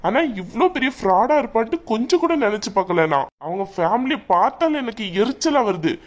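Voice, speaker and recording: A woman's voice: on the high side, very animated, fairly quick. A woman voicing an angry young married man in a cartoon, demanding answers from his mother. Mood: furious. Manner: shouting, demanding. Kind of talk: cartoon voice acting.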